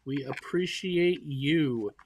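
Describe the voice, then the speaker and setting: A man commentates live on a darts match in a casual, conversational way. His voice sits a little higher than most men's. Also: takes it slowly, slight background noise, low-quality recording.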